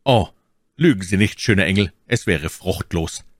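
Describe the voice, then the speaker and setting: A man's voice: low voice, animated, moderate pace, no room sound, studio quality. A man voicing a gallant young swordsman. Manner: courtly, earnest pleading. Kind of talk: audiobook character voice.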